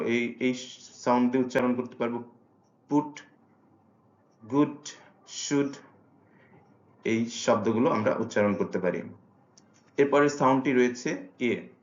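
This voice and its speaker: A man teaching a language lesson, explaining slowly and filling pauses with long drawn-out "ah" sounds. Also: medium pitch. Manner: hesitant, many drawn-out "ah" fillers; slow and careful when modelling sounds. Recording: roomy, dull lo-fi recording.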